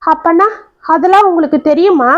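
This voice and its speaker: A woman's voice: extremely high pitch, normal speed, lo-fi sound, pitched above the performer's own voice. A woman voicing a hurt young wife who pleads with her husband through sobs. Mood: hurt, pleading.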